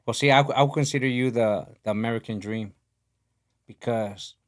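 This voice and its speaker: A man in his forties from Honduras, hosting a podcast, talking in a soft, earnest way in a studio. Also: medium pitch, normal speed. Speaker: podcast host, boxing coach. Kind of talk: casual interview talk. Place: podcast studio in a boxing gym. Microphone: desk podcast mic.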